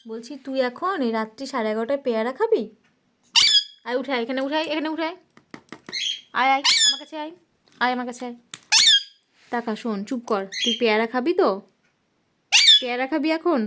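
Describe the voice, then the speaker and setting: Woman, high voice, coaxing pet parrot, scolding gently, heavy background noise. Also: a little fast, long pauses. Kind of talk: talking to her pet parrot. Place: home at night.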